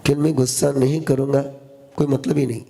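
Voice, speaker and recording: A man's voice: medium pitch, level tone, creaky, dark tone. A man giving a sermon as a spiritual teacher, teaching in short repeated phrases and quizzing his listeners. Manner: slow, repetitive call-and-response teaching, quizzing listeners. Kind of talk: sermon to a live audience.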